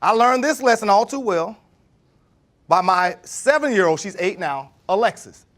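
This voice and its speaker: Male leadership trainer in his thirties, high voice, lively workshop delivery that keeps quizzing the room. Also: moderate pace. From Jacksonville, Florida. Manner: animated, asks the room questions. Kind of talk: workshop talk to a live group.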